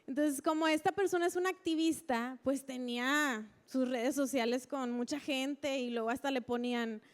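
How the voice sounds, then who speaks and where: A woman's voice: high-pitched, normal speed. A woman giving a personal testimony to a church congregation, chatty and full of fillers. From Mexico. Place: church service.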